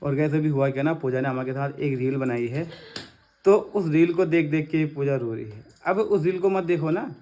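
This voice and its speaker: A man in a casual family vlog who gently consoles and coaxes, recorded on a phone. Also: on the high side, normal speed. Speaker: vlogger, husband.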